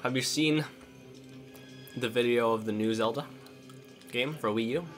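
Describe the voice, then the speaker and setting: Bright-voiced man chatting over gameplay. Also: medium pitch, unhurried, faint music behind. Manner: jokey, chatty, rambling with many "like"s. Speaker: let's play co-host. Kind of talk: casual gameplay chat.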